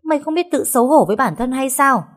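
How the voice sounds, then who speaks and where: A woman voicing a wealthy, furious older father in a storybook reading, scolding loudly. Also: on the low side, animated, fast. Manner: loud scolding.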